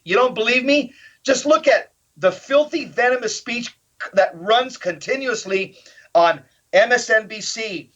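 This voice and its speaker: A man's voice: high voice, fairly bright tone. A man speaking as a guest in an interview, talking in an emphatic, punchy way and throwing in rhetorical questions. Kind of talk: animated political interview talk. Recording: slightly dull lo-fi audio.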